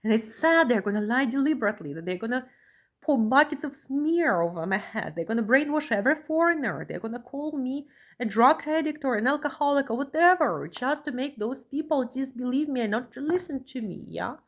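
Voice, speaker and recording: A woman from Russia with a voice set a little higher than most, reading a document aloud and adding her own comments as she goes. She speaks earnestly, keeps tagging her phrases with a rising "yeah?", and often circles back to repeat herself. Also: lively intonation, brisk. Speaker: vlogger, asylum seeker.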